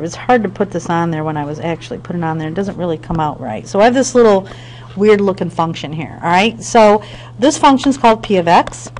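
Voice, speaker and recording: A woman's voice: fairly low pitch, darkish tone, a little hiss or hum, rough recording. A woman math teacher explaining a lesson step by step, often checking in with her students. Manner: patient step-by-step explaining with frequent check-ins; talks to students directly. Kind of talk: screen-recorded math lesson.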